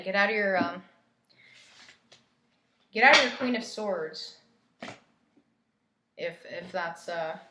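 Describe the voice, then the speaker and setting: A woman's voice: mid-range voice, echoey room, noisy background. A woman giving a casual spiritual tarot reading, chatty and coaching, laughing easily as she talks. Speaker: tarot reader.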